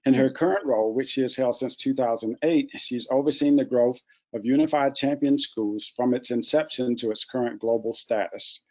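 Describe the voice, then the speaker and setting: Male webinar host, measured scripted delivery, dull online-call sound. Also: medium pitch, darkish tone. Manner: formal, measured introductions. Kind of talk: reading scripted introductions. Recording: muffled lo-fi webinar audio.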